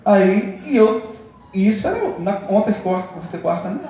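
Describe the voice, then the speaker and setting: A man's voice: high-pitched, animated, moderate pace, warm tone. A young man with a Brazilian accent giving a testimony in a church service, telling his story in a chatty way and acting out the dialogue. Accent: Brazilian Portuguese. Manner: chatty storytelling, acts out the dialogue, laughs often. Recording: echoey church hall.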